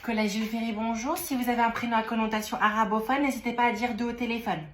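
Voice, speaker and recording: A woman's voice: a little high, flat delivery, roomy sound, faint music behind, lightly acted. A woman playing a weary school receptionist. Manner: weary, rushed phone patter. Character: fed-up female school receptionist.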